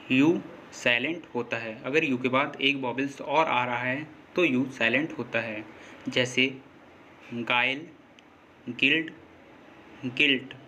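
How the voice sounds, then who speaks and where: A man teaching a lesson, slowly and patiently explaining rules and repeating them. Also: medium pitch, pushed and bright, a little hiss or hum. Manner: slow, repetitive, patient explaining. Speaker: English teacher.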